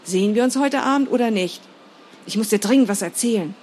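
A woman's voice: mid-range voice, very animated, normal speed, slight background noise, natural voice. A woman voicing a chatty, caring male friend who calls her sweetheart. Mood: eager.

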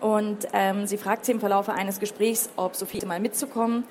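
A woman's voice: medium pitch, fairly even intonation, moderate pace, darkish tone, a little hiss or hum. Chatty woman reading a novel aloud. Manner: chatty, with fillers. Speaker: book reader.

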